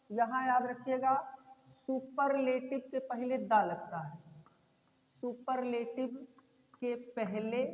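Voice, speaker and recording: A woman teaching English grammar in Hindi, repeating key points, addressing students as "beta", and slowing down to say example words one by one. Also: a little high. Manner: slows to spell out words. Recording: echoey room with long reverb.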